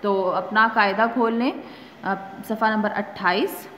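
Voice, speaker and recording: A woman with a Pakistani Urdu accent, a teacher giving a recorded lesson on Quran reading and drilling the sounds slowly. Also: medium pitch, steady tone, fairly bright tone. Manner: slow, drawn-out drill recitation. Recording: echoey room with faint hum.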